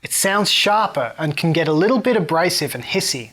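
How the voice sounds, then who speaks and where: Male tutorial host, mid-high voice, treble-boosted EQ with harsh hissy sibilance. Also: lively intonation, a little fast, a bit bright. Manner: clear, demonstrating. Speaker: audio tutorial presenter. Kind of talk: scripted explainer.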